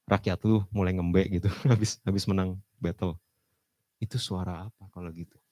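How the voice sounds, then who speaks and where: A man's voice: deep voice, fairly even intonation, normal speed, dark tone, no room sound, natural voice. A man voicing a stern old prophet who asks a king pointed, probing questions during a sermon. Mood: reproachful.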